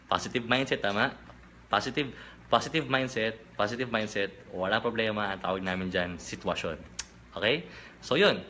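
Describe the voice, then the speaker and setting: An energetic young man with a Filipino accent and a bright, forceful voice, giving a motivational talk. He speaks in a slightly low register and keeps repeating catchy phrases as he answers his viewers' questions. Faint noise hums underneath. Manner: energetic, repetitive Taglish with catchphrases. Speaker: business talk host.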